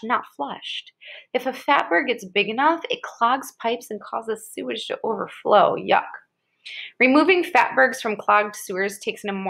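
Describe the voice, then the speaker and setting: Reading an educational article to a child, this American woman keeps things conversational, tossing in brief casual remarks and reactions. She speaks in a mid-range voice with a touch of brightness.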